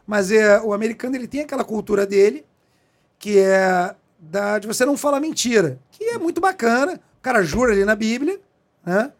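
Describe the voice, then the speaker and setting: A man's voice: high voice, lively intonation, a little fast. A middle-aged man from Brazil, a police chief, telling a story as an interview guest in a profane, emphatic way. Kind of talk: animated storytelling in a podcast interview.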